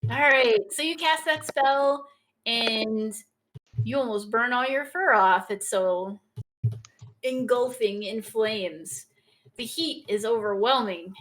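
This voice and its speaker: A woman narrating a tabletop game as game master, in an unhurried, encouraging and playful way. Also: on the high side, a bit bright.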